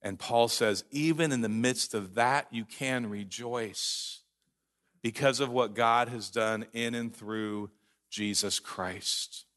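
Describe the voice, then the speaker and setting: A man preaching a sermon as pastor, earnest and emphatic, slowing down to read scripture aloud. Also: mid-range voice, a bit bright. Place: church sanctuary.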